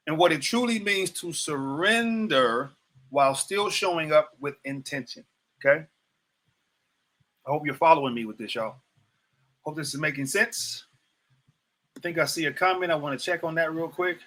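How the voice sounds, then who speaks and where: A man's voice: a little high, fairly bright tone. A man in his fifties hosting a livestreamed motivational talk, preaching to viewers, repeating phrases and asking them questions directly. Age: 50s. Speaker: host.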